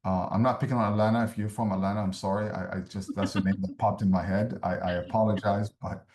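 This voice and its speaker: A man from Somalia giving a measured, explanatory webinar talk on refugee services, with frequent fillers. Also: fairly low pitch, level tone, darkish tone, echoey room. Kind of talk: webinar presentation.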